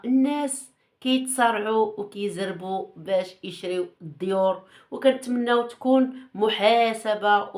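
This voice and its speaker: A woman with a Moroccan Arabic accent hosts a gossip channel, speaking casually and teasingly with rhetorical questions and repeated phrases. Her voice is a little high and darkish in tone.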